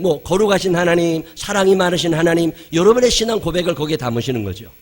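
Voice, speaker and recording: A man, preaching a sermon and swinging between loud emphasis and quiet asides. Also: fairly high pitch. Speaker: pastor.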